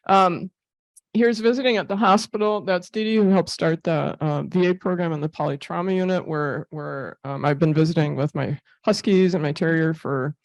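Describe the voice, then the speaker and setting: A woman's voice: lowish voice, no room sound, highs cut off. Chatty woman telling stories at a talk. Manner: chatty storyteller, laughs often, many fillers. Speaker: therapy animal volunteer giving a club talk. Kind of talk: casual presentation with slides.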